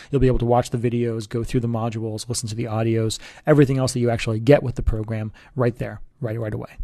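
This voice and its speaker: A man, a relationship coach, giving an earnest, persuasive sales pitch straight to the listener. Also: a little mellow, no echo, clean studio sound.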